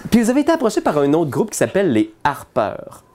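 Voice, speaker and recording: A man's voice: a little high, huge pitch swings, quick pace, a little mellow. A man with a Quebec French accent narrating a tabletop game as game master, in a loose, chatty way. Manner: casual, full of fillers.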